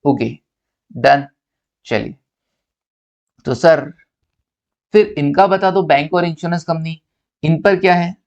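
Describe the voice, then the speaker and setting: A man from India giving a playful, teasing accountancy lecture, posing questions and then answering them himself. His voice sits slightly high, and the recording sounds dull and lo-fi. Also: slow pace, long pauses.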